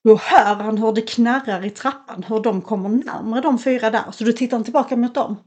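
A young woman co-hosting a podcast, recounting a story with lively energy. Her voice sits a little on the high side, and she slips into the voices of the people in the story as she goes. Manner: animated retelling, acts out quotes. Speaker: podcast co-host. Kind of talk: casual storytelling chat.

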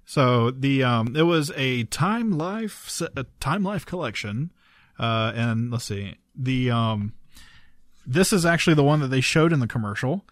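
A man hosting a casual chat, halting and often repeating words as he searches for the next. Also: mid-range voice, lively intonation, dry recording. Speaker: show host.

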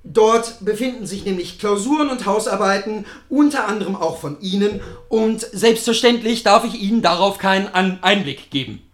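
A man's voice: high voice, normal speed, few pauses, a bit bright. A man reading the lines of a secretive, pompous male professor in a lecturing, self-assured tone.

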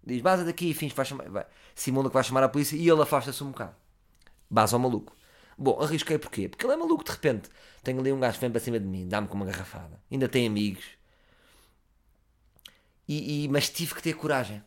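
Fast, animated Portuguese storyteller. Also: male voice. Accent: European Portuguese. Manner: animated, swings between loud and low. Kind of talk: comic storytelling.

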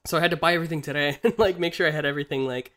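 A man's voice: fairly high pitch, very fast, sharp tone. A young man co-hosting a podcast in casual chat, laughing often and restarting his sentences. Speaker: podcast co-host. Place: living in Germany, from the US.

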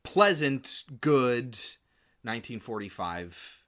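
Male film-podcast co-host: forward, bright tone, informal and keen, conversational. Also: mid-range voice, very animated, slow pace. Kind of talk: casual film review chat.

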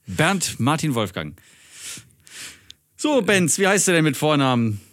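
A man's voice: a little high, big pitch swings, takes it slowly, fairly bright tone. A man from Germany chatting casually as a podcast co-host, rambling, losing his thread and joking crudely. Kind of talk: casual chat.

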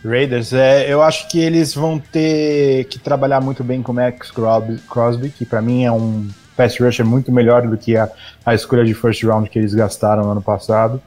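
A man's voice: medium pitch, flat delivery, moderate pace, a little mellow, soft background music. A Brazilian man giving informal football analysis on a live stream, explaining in a hesitant way.

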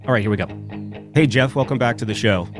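A man's voice: medium pitch, fast, over music. A man hosting a casual podcast, with a congested nasal voice as if pinching his nose, talking in a wry, dryly joking way. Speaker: podcast host.

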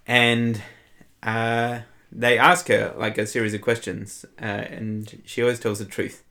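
A man co-hosting a podcast, talking in a relaxed, dry way with plenty of fillers. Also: on the low side, measured pace, gravelly. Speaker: podcast co-host. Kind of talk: casual chat.

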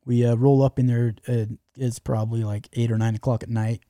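A guest telling a travel story spins a long adventure tale at a brisk pace, casual and rambling, with plenty of fillers and restarts. His voice is very dark and mellow at an ordinary pitch, recorded close and dry with no room echo.

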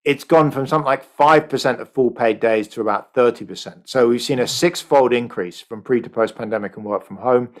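A man answering interview questions in a brisk, explanatory way on a video call. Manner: brisk, explanatory, lively pitch. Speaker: economist guest.

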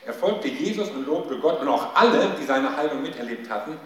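A man giving a sermon, telling a Bible story in a lively way and shouting out the quoted cries. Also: on the high side, a little fast. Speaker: preacher. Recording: echoey hall, mic at a distance.

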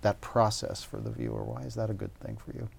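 A male interviewer asks an artist thoughtful, probing questions. His voice is a little low with a gravelly edge. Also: flat delivery, brisk, a little mellow.

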